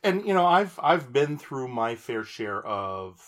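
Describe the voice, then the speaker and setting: A man's voice: medium pitch, very animated, slow, fairly bright tone. A man chatting casually on a podcast, telling a story in a rambling way with many restarts and amused asides.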